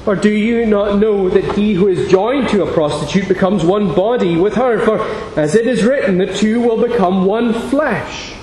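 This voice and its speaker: A man preaching as pastor, reading scripture in a measured, deliberate way into a pulpit microphone. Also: high voice, a little mellow. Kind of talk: sermon with scripture reading and prayer. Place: large church sanctuary. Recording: echoey church hall with long reverb, faint hiss.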